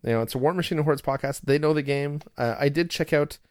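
A man whose first language isn't English co-hosts a hobby podcast, chatting casually in a relaxed, rambling way with frequent restarts. His voice is on the high side, fast and smooth. The sound is clean studio audio with no room sound.

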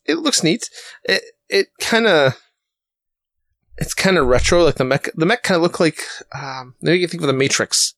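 A man's voice: on the high side, lively intonation, normal speed, fairly bright tone, dry recording. A man hosting a casual podcast, talking in a rambling way with fillers and restarts. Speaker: podcast host.

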